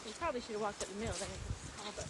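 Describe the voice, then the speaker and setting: A woman chatting casually as she guides a walking tour outdoors, telling stories in an animated way and acting out reactions. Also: mid-range voice, very fast. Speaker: sanctuary founder and tour guide. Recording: noisy outdoor recording, clicks and footsteps.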